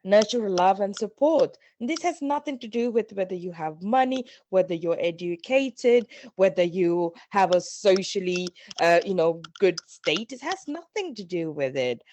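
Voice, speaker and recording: A woman's voice: mid-range voice, expressive, normal speed, hardly any pauses, a little mellow, a little hiss or hum. A middle-aged woman from Sri Lanka, a guest on a podcast interview, speaking in a reflective, earnest way and often restarting phrases. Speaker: guest, parenting coach.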